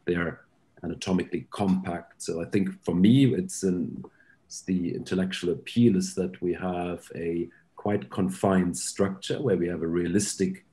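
Very deep-voiced man, measured. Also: fairly even intonation, dark tone. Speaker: neuroscientist, panel guest. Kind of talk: panel discussion.

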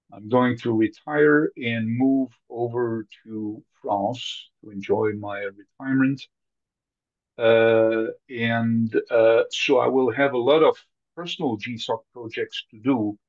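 A man in his sixties from Belgium, introducing himself on a video call, speaking haltingly with many fillers. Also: mid-range voice. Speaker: meetup participant, GSoC advisor. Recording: slightly dull lo-fi call audio.

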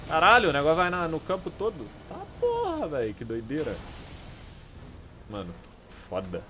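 A young man with a Brazilian Portuguese accent giving live gameplay commentary, excitable, swearing often and yelling at enemies. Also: fairly high pitch, normal speed, noisy background. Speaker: gaming streamer.

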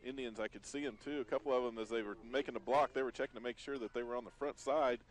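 Fast-talking folksy football color commentator. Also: male voice, medium pitch, steady tone, low-quality recording.

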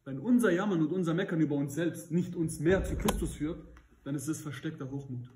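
A man's voice: a little high, fairly quick, warm tone, slight background noise. A man preaching at a Bible study, earnest and questioning his listeners, rising to emphatic peaks. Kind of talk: sermon. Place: church hall. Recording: echoey room.

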